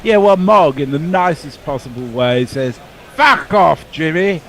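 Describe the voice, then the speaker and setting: A man's voice: on the high side, animated, measured pace, fairly bright tone. A man co-commentating on cricket, reading listener messages in a dry, wry way. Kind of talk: casual commentary chat.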